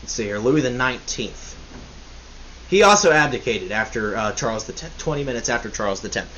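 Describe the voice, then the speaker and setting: A man's voice: medium pitch, expressive, fairly quick, sharp tone, lo-fi sound. A young man hosting a casual history podcast, rambling and joking, often correcting himself. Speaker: podcast host. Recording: faint hiss.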